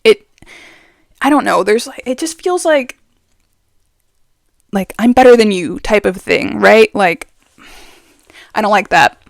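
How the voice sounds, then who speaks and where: A young woman talks casually to her viewers, opinionated and chatty with lots of fillers. She sits right up on the microphone, so her voice sounds dry and intimate with no room around it. Her pitch sits in the middle for a woman. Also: animated, takes it slowly, creaky, long pauses, no room sound. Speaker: vlogger. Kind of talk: casual chat. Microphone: very close to the mic.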